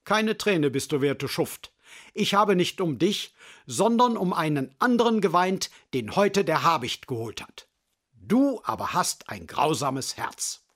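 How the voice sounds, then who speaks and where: A proud little yellowhammer lady, lovesick and touchy, voiced by a man in a raised, plaintive tone for a slow storybook reading. She pleads and sulks by turns, her words drawn out at an unhurried pace. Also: fairly high pitch, big pitch swings, heavily acted. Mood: indignant.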